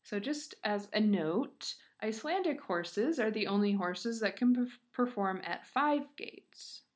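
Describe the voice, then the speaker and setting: A woman with a Michigan accent tells a story in a casual podcast style. Her pitch sits in the middle for a woman. She is chatty and informal, giggly as she drifts into asides. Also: lively intonation, measured pace. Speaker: podcast co-host.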